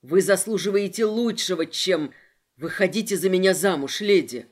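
A woman's voice: fairly low pitch, normal speed, natural voice. A woman voicing an earnest young male lieutenant who pleads and proposes marriage. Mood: pleading.

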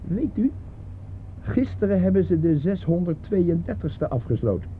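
Voicing a talkative, complaining, resigned working-class taxi driver in a vintage radio play, a man speaks in a high-pitched, sing-song way at moderate pace, colloquial and shrugging. The audio is narrow-band with faint noise.

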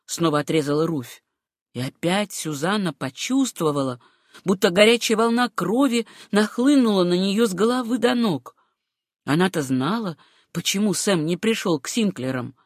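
A woman reading an audiobook aloud in a measured, expressive manner. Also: mid-range voice, dry recording, studio quality. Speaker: narrator.

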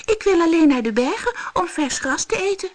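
A narrator voicing a tiny, frightened young billy goat with a squeaky, pleading voice in a storybook reading. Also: lively intonation, a little fast.

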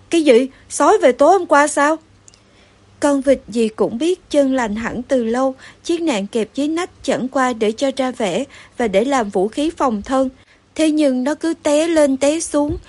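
High-voiced woman reading a story. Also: darkish tone. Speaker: narrator.

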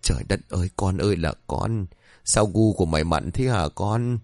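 A man's voice: sits low, normal speed, a little mellow, no room sound, clean studio sound. A man voicing a frightened old father who whimpers and pleads. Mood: stunned.

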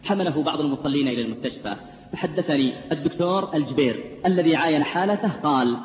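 Man, preacher, high voice, fervent sermon storytelling, roomy echo, muffled lo-fi sound. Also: expressive, fast. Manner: builds to fervent, tearful-sounding intensity. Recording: echoey hall, dull lo-fi sound, faint hiss.

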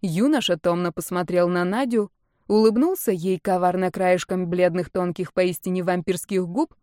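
A woman narrating a story in an even, expressive reading style. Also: on the low side, moderate pace, no echo, clean studio sound.

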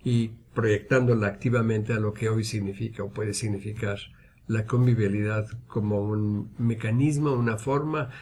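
A man's voice: lowish voice, fairly even intonation, moderate pace, a little mellow, slight background noise. A man speaking as a university guest on a radio program, earnest and emphatic, building his points through repetition. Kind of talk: reflective radio interview talk.

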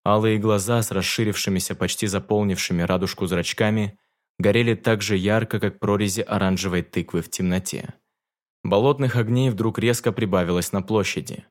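A man narrating a fantasy audiobook in a measured, dramatic reading. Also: fairly low pitch, fairly even intonation.

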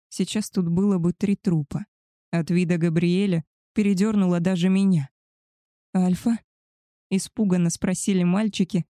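A woman reads a first-person story aloud in a calm, even way. Her voice sits lowish and warm, recorded close and dry with no room sound. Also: dry recording. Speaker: audiobook narrator.

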